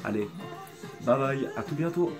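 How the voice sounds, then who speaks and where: Background music accompanies this phone-recorded apology video, in which a creator with a cold and sore throat talks in a medium-pitched voice with lively intonation. His delivery is casual yet hesitant and rambling, broken by many pauses.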